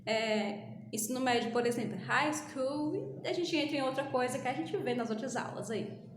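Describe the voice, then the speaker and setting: A woman's voice: high voice, moderate pace. A woman teaching an English class to Brazilian schoolchildren, patiently repeating and drilling pronunciation. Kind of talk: recorded online class. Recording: echoey room with faint ambience.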